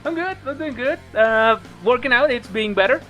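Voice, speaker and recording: A man's voice: very high-pitched, animated, moderate pace, a bit bright, soft background music. A man from Mexico with a Mexican accent, co-hosting a podcast and telling stories in casual chat, laughing often. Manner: laughs often, rambling storytelling. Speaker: podcast co-host.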